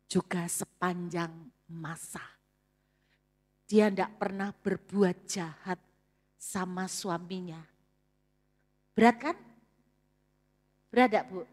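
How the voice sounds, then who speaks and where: A woman preaching a sermon, telling a story with animated delivery and frequent questions to the audience. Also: mid-range voice. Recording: long hall reverb.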